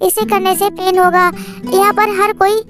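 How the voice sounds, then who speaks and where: A woman's voice: very high-pitched, flat delivery, normal speed, over music. A woman voicing a heartbroken, defiant young woman in a dubbed love story. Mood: cool.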